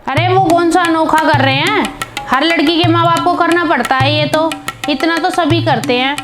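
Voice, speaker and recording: A woman's voice: very high voice, moderate pace. A woman voicing a greedy, scornful middle-aged mother-in-law who scolds and insults her daughter-in-law. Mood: scolding. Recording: piano music behind.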